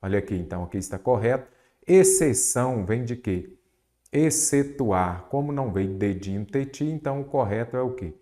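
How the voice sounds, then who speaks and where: Speaking in a mid-range, mellow voice with lively intonation, a male teacher of Brazilian Portuguese walks through exam questions at a moderate pace. He questions himself, supplies the answers, repeats a mnemonic, and stretches key words to emphasize them.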